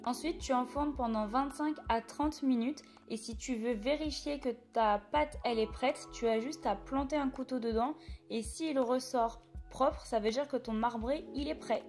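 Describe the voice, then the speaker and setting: A young woman talks the viewer through a recipe in a light, high voice. Her voice-over is chatty and direct. Quiet music plays beneath her. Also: normal speed. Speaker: cooking vlogger. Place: home kitchen.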